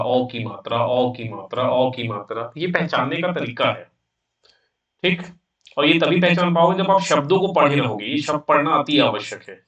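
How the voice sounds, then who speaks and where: A male teacher giving an exam-prep grammar lecture, slowly repeating and breaking words into parts. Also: on the high side, sharp tone, recorded from a distance. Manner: slow, repetitive, drills words by sounding them out.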